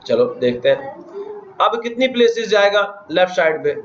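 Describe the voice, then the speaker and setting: In a classroom lecture, a Pakistani man teaches math in a high, sing-song voice at a moderate pace. He frequently questions the students and counts places out loud, while the dull lo-fi recording carries classroom echo and some hiss or hum.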